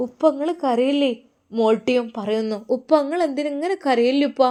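A woman's voice: high voice, fairly quick, dark tone, natural voice. A woman voicing a worried young daughter who urges and coaxes, with a Malappuram Malayalam accent. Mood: coaxing. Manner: urgent, coaxing.

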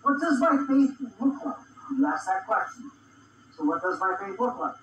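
A man teaching scripture in a church meeting room, slowly asking rhetorical questions, heard in a distant, echoey recording played back. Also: extremely high pitch, big pitch swings, fairly bright tone, highs cut off, slight background noise. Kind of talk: sermon-style Bible teaching.

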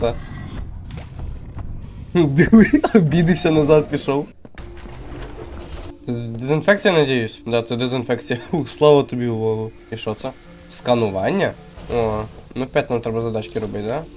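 A Ukrainian man giving excitable, jumpy commentary while he plays a horror game and mutters to himself. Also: medium pitch. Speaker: gamer playing a horror game. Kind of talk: live gameplay commentary. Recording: game music playing underneath.

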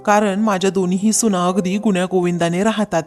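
A woman's voice: medium pitch, steady tone, a little fast, a little mellow, faint music behind. A woman narrating a recap of a TV serial episode, reading all the characters' lines in her own voice.

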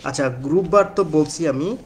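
A man's voice: on the high side, normal speed, slight background noise. A man giving a casual exam-prep lecture in Bengali, chatty and repetitive, talking straight to his students. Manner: chatty, repeats points, addresses students directly. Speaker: admission test tutor.

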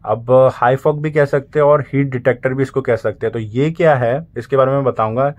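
A man's voice: medium pitch, steady tone, fairly quick, a little mellow, dull audio. A young man from India, a cruise ship crew member, casually explaining his small cabin and bathroom step by step while filming on a handheld phone. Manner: explanatory, pointing things out step by step. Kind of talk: casual vlog tour.

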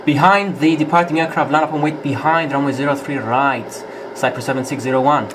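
A man's voice: mid-range voice, fairly even intonation, background noise. A man flying a home-cockpit airliner simulator, reading clipped pilot radio calls and checklist callouts into a headset. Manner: clipped aviation phraseology, brisk callouts.

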